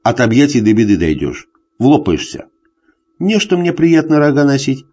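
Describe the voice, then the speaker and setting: A man's voice: medium pitch, lively intonation, normal speed, dark tone, highs cut off, pitched above the performer's own voice. A man doing a drunk, jealous bullying husband. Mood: grumbling. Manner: hoarse tearful bullying rants.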